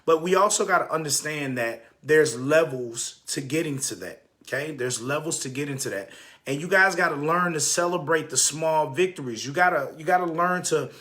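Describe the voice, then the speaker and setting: A man's voice: on the high side, moderate pace, a bit bright. A man, a bit congested, chatting casually to viewers while hosting a livestream about home businesses. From Texas, US. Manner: chatty, repeats phrases, drops off to mutter while checking phone. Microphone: phone.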